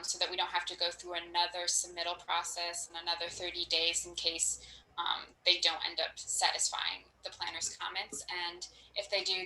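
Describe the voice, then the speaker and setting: A woman from a design firm calmly explaining a permit process step by step over a conference call. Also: fairly low pitch, reverberant, low-quality recording. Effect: conference call audio. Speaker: planning staff at a design firm.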